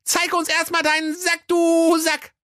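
A man voicing a bunch of cheeky little goat kids in a shrill, very high voice in a comic storybook reading. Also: monotone, a little slow, sharp tone, no echo, studio quality, full character voice.

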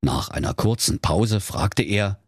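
A man's voice: lowish voice, expressive, a little slow, dry recording, clean studio sound. A man narrating a comic fairy tale in a playful storytelling manner.

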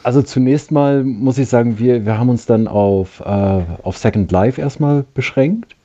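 A man's voice: mid-range voice, moderate pace, mellow. A man calling in to a live show over a phone line, hesitant and searching for words. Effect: call-in voice over a phone line. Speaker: caller. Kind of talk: call-in chat on a live show.

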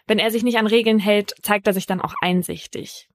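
A woman hosting a true crime podcast, telling a case in a measured, scripted first-person narration. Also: medium pitch, steady tone, dry recording, studio quality.

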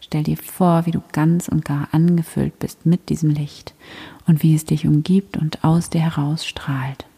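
A woman guiding a prayer meditation in a soft, breathy whisper, gentle and soothing. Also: deep voice, flat delivery, measured pace.

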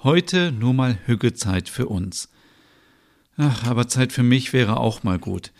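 A man's voice: medium pitch, animated, unhurried, a little mellow. A man voicing a chatty, self-absorbed mother in a comedy audio sketch, who talks to herself dramatically and giggles.

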